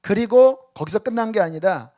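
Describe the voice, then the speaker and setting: A man's voice: high-pitched, animated, normal speed, warm tone. A man preaching a Sunday sermon as pastor, asking rhetorical questions and telling stories. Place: church sanctuary.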